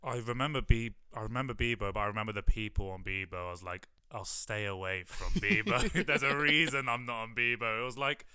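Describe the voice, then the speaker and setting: A man's voice: mid-range voice, brisk, few pauses, pushed and bright, smooth, no room sound, studio quality. A man interviewing a musician in a casual, playful way, with teasing asides.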